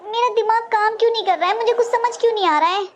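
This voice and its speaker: A woman's voice: very high-pitched, fairly quick, highs cut off. A woman voicing a young daughter-in-law in a cartoon, pleading and flustered as she answers her mother-in-law. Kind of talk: cartoon voice acting.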